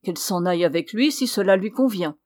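A woman's voice: medium pitch, animated, fairly quick, darkish tone, no room sound, studio quality, close to an everyday voice. An impulsive, pleading young man, read by a woman. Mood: urgent pleading.

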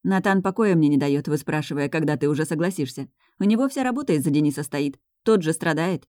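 A woman reading aloud, voicing a calm young woman who reasons gently with a friend. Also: low voice, fast, dry recording, clean studio sound.

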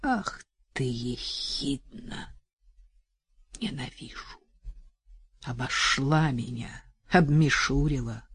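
A woman's voice: rumbling low, slow, pauses often, fairly bright tone, husky, dry recording, pitched below the performer's own voice, full character voice. A woman voicing a bitter young bride.

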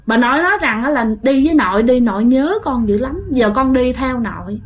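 A woman's voice: high-pitched, lively intonation, fairly quick. A woman telling a ghost story in a casual, chatty way, talking straight to her listeners. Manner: chatty, addresses listeners directly, many fillers.

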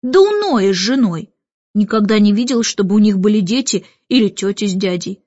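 A woman's voice: mid-range voice, animated, normal speed, dark tone, no room sound, dull audio, natural voice. A woman voicing a sulky, whining little boy in an audiobook. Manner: whining, grumbling. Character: small boy, sulky and whiny.

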